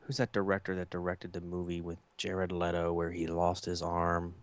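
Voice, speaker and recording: A man co-hosting a casual podcast, relaxed and joking, with an easygoing delivery. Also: low voice, normal speed, no room sound. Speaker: podcast co-host. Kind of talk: casual chat.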